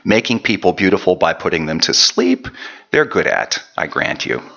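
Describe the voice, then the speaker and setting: Male preacher, wry storyteller, bright forceful tone; dull lo-fi church recording. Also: sits low, sing-song, normal speed, gravelly. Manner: storytelling, self-deprecating, chatty asides. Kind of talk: sermon with personal story.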